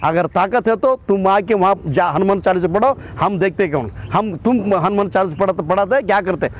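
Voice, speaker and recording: His voice sits high and moves fairly quickly, with a Karnataka accent colouring his Hindi. The speaker, a political activist who serves as state president of an organisation, gives an impassioned, combative statement full of repeated phrases.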